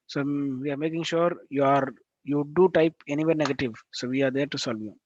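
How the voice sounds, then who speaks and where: A man teaching a live online class over a video call, talking in halting bursts with restarts and frequent check-ins with his students. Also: on the high side, fairly even intonation, a little mellow. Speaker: instructor. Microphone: video call microphone. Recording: dull lo-fi call audio.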